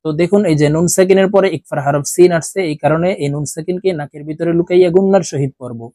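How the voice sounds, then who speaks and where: A man teaching Quran letter reading, spelling out each syllable and then slowly drawing out the whole word. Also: fairly high pitch, warm tone, no echo. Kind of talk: slow spelled-out recitation lesson.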